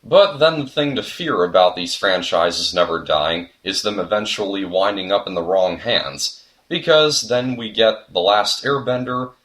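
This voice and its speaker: A man's voice: fairly low pitch, expressive, measured pace, fairly bright tone. A young man narrating a scripted video essay, earnest and reflective, with the odd sudden comic outburst.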